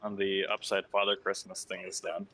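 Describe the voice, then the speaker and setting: Male tabletop player, lowish flat voice, matter-of-fact. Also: normal speed, dry recording.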